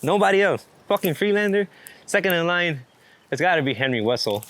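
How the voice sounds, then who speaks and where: Here the photographer's voice sits high and sounds animated, slightly bright, and a touch fast. He's a street and landscape photographer chatting loosely in an unscripted interview, rambling excitedly with slang and frequent cursing. Outdoor ambience and background noise are present on an otherwise clear recording.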